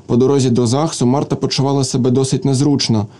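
A man narrating a story in a steady, even reading voice. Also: medium pitch, quick pace.

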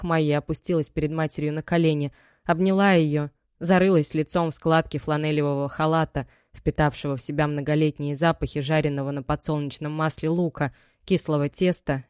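Low-voiced woman narrating an audiobook. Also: darkish tone, smooth, no echo, clean studio sound. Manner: measured, descriptive.

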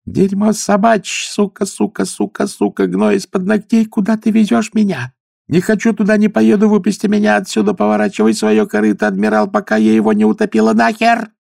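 A man voicing a possessed young woman who screams vicious curses in a shrill voice. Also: level tone, a little fast, gravelly, darkish tone, dry recording, studio quality, exaggerated voice. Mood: furious shrieking.

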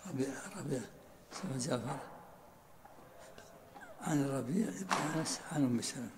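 A man's voice: medium pitch, moderate pace, background noise. A man, a sheikh explaining a religious text by repeating and rereading its lines. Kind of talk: commentary in a religious lesson.

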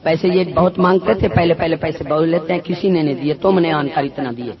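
A man preaching a sermon full of stories, emphatic and swinging between loud and soft. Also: on the high side. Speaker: Sufi preacher. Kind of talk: sermon with storytelling. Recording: dull lo-fi recording with a loud crowd.

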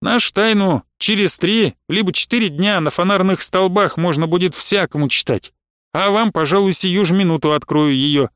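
A man voicing a calm, firm younger merchant who will not budge on price. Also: sits high, moderate pace, dry recording, studio quality. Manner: calm, steady, firm refusals.

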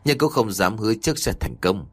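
A man voicing an older female fortune teller in an audio story, flat and matter-of-fact. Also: on the low side, brisk. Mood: cold.

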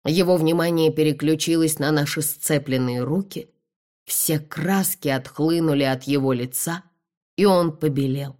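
A woman narrating a dramatic first-person audiobook in an expressive way. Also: sits low, measured pace.

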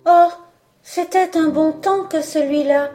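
A woman's voice: high-pitched, fairly even intonation, slow, warm tone, faint music behind, pitched above the performer's own voice. A woman voicing a proud young fir tree who muses wistfully about his past. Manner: wistful, self-assured musing.

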